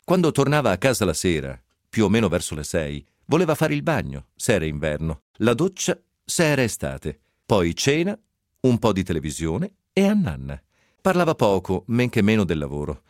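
Male reader, low voice, animated ironic storytelling, close dry radio studio. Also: normal speed, dry recording. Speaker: reader of a novel excerpt. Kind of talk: expressive literary reading.

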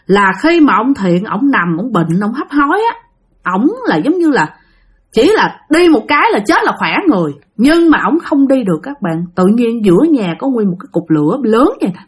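A woman with a Southern Vietnamese accent tells a ghost story to her listeners in a chatty, direct way. Her voice is slightly high and husky, and her intonation rises and falls in lively swings. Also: moderate pace. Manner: chatty, addresses listeners directly, many fillers.

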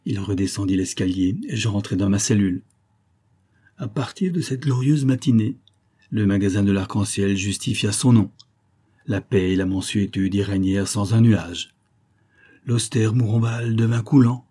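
A man reading a literary short story aloud in the first person, expressive and bringing the dialogue to life. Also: fairly low pitch, slightly rough. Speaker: audiobook reader. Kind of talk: scripted literary narration.

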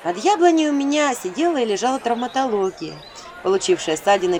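A woman narrating a story aloud in a lively, expressive way, acting out the quotes. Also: medium pitch, background noise. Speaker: audiobook narrator.

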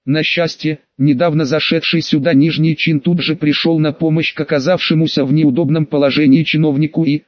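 A man narrating an audiobook in a measured, formal way. His voice sits fairly high for a man and sounds completely dry, with no room echo. The recording has a dull, muffled top end. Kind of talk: scripted narration.

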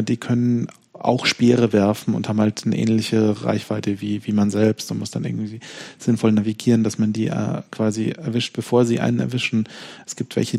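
A man chats casually on a podcast, pausing often and restarting his sentences as he works out what to say. His voice has a gravelly edge and a dark, mellow tone. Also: on the low side. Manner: hesitant, many fillers and restarts, thinking aloud. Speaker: podcast co-host. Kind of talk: casual chat.

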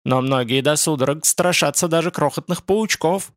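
A man reading an audiobook, voicing a creaky, sinister old male spider-man mage in a slow, gloating manner. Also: on the high side, no echo, clean studio sound, voice pushed up, lightly acted. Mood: menacing. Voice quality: creaky, clicking voice.

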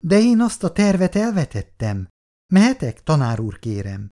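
A shy, hesitant schoolgirl speaks in a higher, lifted voice, as a man reading the story puts her on. Her pitch moves a lot. It is a read-aloud storybook voice. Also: big pitch swings, mellow. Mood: timid. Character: young schoolgirl, timid, hoping to study medicine.

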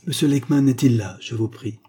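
A man's voice: medium pitch, fairly quick, warm tone, husky, close to an everyday voice. A man reading aloud and voicing a polite, earnest young officer in a storybook. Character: gallant young male officer, eager and courteous.

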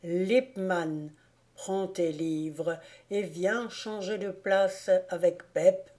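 A woman's voice: on the low side, fairly even intonation, very slow, dark tone. Woman voicing a thundering old schoolmaster. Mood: satisfied. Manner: thundering, ironic scolding. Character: stern elderly male schoolmaster. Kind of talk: audiobook character voice.

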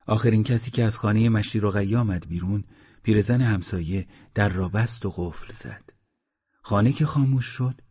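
A man reads a literary story in a calm, measured style, his voice low and husky. The recording is dull and lo-fi. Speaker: audiobook narrator. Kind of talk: scripted literary narration.

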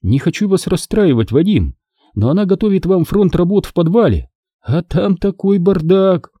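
A man's voice: high-pitched, expressive, moderate pace, warm tone, husky, dry recording, voice pushed up. A man voicing a playful, mannered young woman in an audiobook. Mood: teasing.

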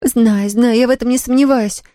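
A woman's voice: on the high side, fairly even intonation, quick pace, mellow, no room sound, studio quality, pitched above the performer's own voice, lightly acted. Woman doing trembling tearful young girl. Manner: trembling, breathless pleading. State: near tears.

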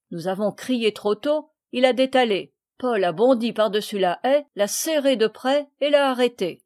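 A woman reading the lines of a stern nobleman who scolds a thief in a firm, raised voice. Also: mid-range voice. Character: stern commanding nobleman, older husband and father.

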